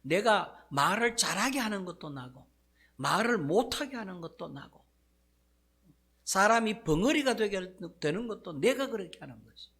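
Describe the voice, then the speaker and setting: A male pastor voicing God as a stern, booming father who scolds with loud rhetorical questions in a sermon story. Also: slow, gravelly, husky, full character voice. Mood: angry scolding. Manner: shouting rebukes, rhetorical questions.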